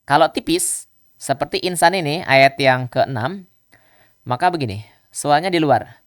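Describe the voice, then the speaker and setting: A man teaching Quran recitation rules in a live online lesson, patiently repeating examples and chanting verses slowly. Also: fairly high pitch, no echo, clean studio sound.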